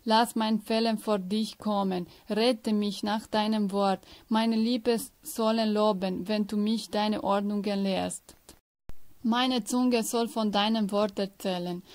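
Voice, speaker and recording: A woman reading a psalm aloud in slow, measured phrases, now and then stumbling over a word and starting it again. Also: medium pitch. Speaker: scripture reader.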